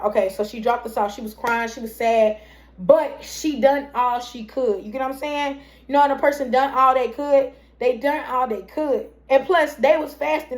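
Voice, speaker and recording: Chatty young woman telling a story. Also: high-pitched. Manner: chatty, rambling, addresses viewers as y'all. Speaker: vlogger telling her story. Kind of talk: casual storytime monologue.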